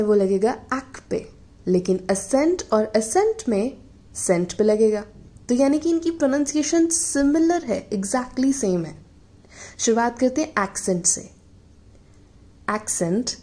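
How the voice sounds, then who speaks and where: A woman teaching English vocabulary in a slow, deliberate lesson, explaining in Hindi with English examples. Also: a little high, warm tone.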